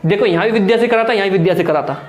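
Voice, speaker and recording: Young male tutor, high voice, echoey room. Urgent, pep-talking, asks his own questions and answers them, sweating as he teaches. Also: rapid-fire, a little hiss or hum. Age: young adult. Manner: exhorting, calls viewers friends and brother, asks then answers own questions. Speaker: Hindi grammar teacher. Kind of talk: exam-prep whiteboard lesson.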